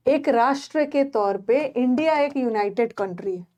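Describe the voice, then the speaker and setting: A woman's voice: on the high side, moderate pace, dark tone, lo-fi sound. A woman teaching English grammar in an online exam-prep lesson. She speaks with an Indian English accent, explains step by step in a mix of Hindi and English, and repeats her points to check the class is following.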